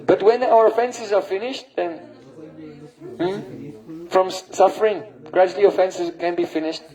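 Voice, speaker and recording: A man's voice: high-pitched, measured pace, dark tone, rough recording. A man, a spiritual teacher, giving a devotional lecture and often checking in with his listeners with a questioning "hmm?". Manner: breaks into sung and chanted verses.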